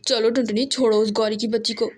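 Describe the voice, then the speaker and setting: A woman's voice: on the high side, flat delivery, fairly quick, lightly acted. A woman voicing a sly, scheming male hawk who gloats with a ho-ho laugh in a cartoon story. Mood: mocking.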